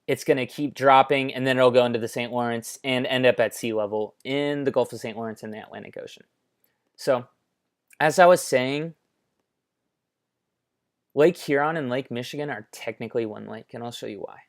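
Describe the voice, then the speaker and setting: A man's voice: mid-range voice, normal speed. An American man giving an informal, conversational explainer with offhand asides, talking into a headphone microphone. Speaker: presenter. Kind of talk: casual explainer commentary over maps.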